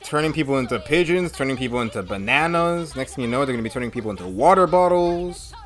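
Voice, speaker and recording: A woman giving casual, expressive reaction commentary as the host of a video, often exclaiming. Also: a bass voice, fast, soft background music.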